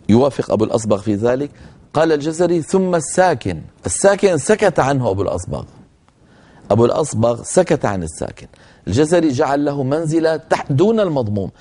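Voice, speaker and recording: A man lecturing on Quran recitation rules, explaining points and demonstrating pronunciation by slowly reciting words to his students. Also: on the high side, big pitch swings, warm tone. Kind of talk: lecture on tajweed.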